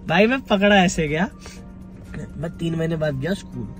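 A young man and vlogger telling stories from his school days to his viewers in a lively, chatty way that often breaks into laughter. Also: on the high side, moderate pace, music in the background. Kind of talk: casual storytelling to viewers.

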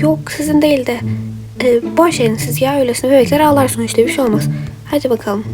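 A woman voicing characters in a doll game role-play, lively and chatty, switching between them. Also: high-pitched. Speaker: role-play video maker. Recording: background music.

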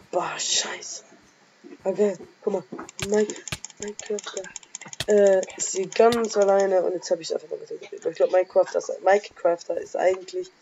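A woman casually commentating her own game as a let's play gamer, trash-talking excitably, with a sore throat and frequent coughs. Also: lowish voice, lo-fi sound, background noise.

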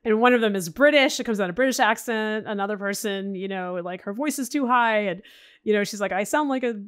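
A woman's voice: mid-range voice, brisk, smooth, no echo. Chatty woman in a dry interview. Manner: chatty, many restarts and "you know"s. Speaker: podcast executive guest. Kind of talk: casual interview chat.

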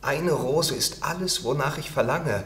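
A man's voice: medium pitch, a little slow, roomy sound, close to an everyday voice. A man voicing a tender, longing female nightingale in a storybook reading, lyrical and earnest. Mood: pleading.

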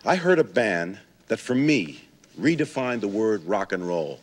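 An earnest documentary maker in a mockumentary. His voice is on the low side, with faint music behind. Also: very animated, a little slow. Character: earnest documentary maker praising a rock band. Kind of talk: mock-documentary film acting.

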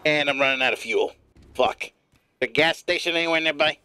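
A man streaming a game live, giving profane, rambling running commentary in a put-on gravelly smoker's rasp. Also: a little high, fairly quick, pushed and bright, no room sound.

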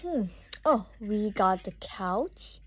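Soft-spoken woman narrating toy play. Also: medium pitch, slow. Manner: chatty, excited little exclamations. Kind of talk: casual toy play commentary. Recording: dull lo-fi sound with clear background noise.

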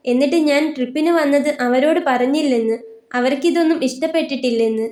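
A woman's voice: high voice, a little mellow, close to an everyday voice. A woman voicing a heartbroken, lonely young woman in a tearful, pleading tone, in a roomy recording. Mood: hurt, bitter. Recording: roomy echo.

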